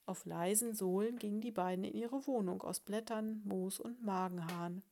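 A woman reading a storybook aloud in a calm, even narration. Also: medium pitch, moderate pace, slight background noise.

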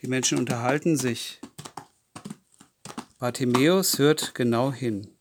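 Slow-spoken man telling children a story. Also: medium pitch, a little hiss or hum. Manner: asks the listening children questions.

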